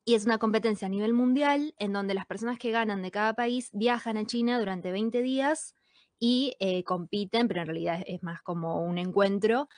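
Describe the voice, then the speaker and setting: A woman's voice: mid-range voice, normal speed, a little mellow, dry recording. Young Argentine woman, dry close mic. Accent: Argentine Spanish. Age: young adult. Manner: thoughtful, hesitant with fillers. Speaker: singer and model guest. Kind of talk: casual interview answers. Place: small bedroom indoors. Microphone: headphones with studio condenser mic.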